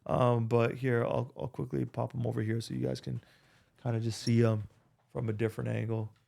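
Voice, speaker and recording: A man's voice: medium pitch, little pitch movement, a little fast, creaky, dark tone. A young man, rambling through a casual vlog with lots of fillers and restarts, into a desk microphone. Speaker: vlogger.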